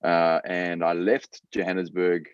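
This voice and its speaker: A man's voice: low voice, level tone, measured pace, clear, resonant tone, no echo. A man from Africa, a guest chatting casually in an interview from his garage, hesitant with many fillers and repeated words. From South Africa. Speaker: guest entrepreneur. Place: home garage. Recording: dull lo-fi sound.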